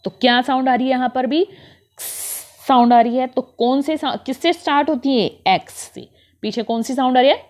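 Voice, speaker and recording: A woman's voice: high voice, fairly even intonation. A woman teacher giving a lesson to young children, asking questions and repeating letter sounds. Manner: reads English sentences very slowly.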